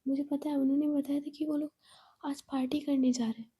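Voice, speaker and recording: A woman voicing a calm, unbothered young woman who answers in a matter-of-fact way. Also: sits high, fairly quick, lightly acted.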